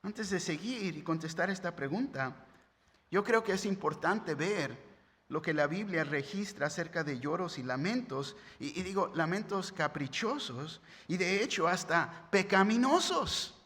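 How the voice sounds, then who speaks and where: Man, pastor, high voice, slow unhurried sermon, echoing church hall. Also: animated, fairly bright tone. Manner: conversational preaching with tag questions. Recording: long hall reverb.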